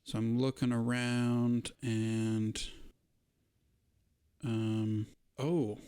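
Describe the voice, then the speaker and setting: Young male player, smooth clear voice, dry close mic, thinks out loud. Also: medium pitch, level tone, very slow, no room sound. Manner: chatty, thinks aloud. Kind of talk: playing a tabletop game.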